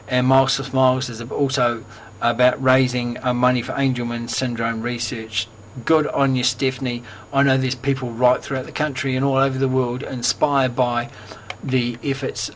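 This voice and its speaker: A man's voice: mid-range voice, fairly bright tone, a little hiss or hum. A man with a New Zealand accent hosting a casual community news bulletin, upbeat and chatty with fillers.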